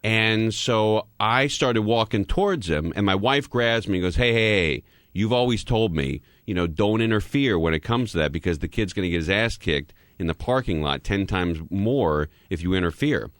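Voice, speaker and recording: A man's voice: lowish voice, lively intonation, moderate pace, few pauses, no room sound, studio quality. A man hosting a radio talk show, trading jokes and telling rambling stories. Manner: joking, rambling storyteller. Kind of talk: casual radio banter. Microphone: studio microphone.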